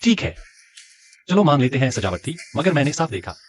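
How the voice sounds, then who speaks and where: A man's voice: medium pitch, very animated, brisk, a little hiss or hum, close to an everyday voice. An actor playing a suspicious, angry husband who accuses his wife of cheating. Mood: accusing. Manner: accusing, agitated. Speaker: jealous husband.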